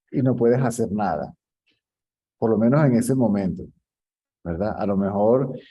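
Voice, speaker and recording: Very dark-voiced man teaching. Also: lowish voice, husky. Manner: conversational, often checks understanding, laughs at his own stories. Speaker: spiritual teacher. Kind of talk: informal teaching talk with anecdotes. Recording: dull lo-fi recording.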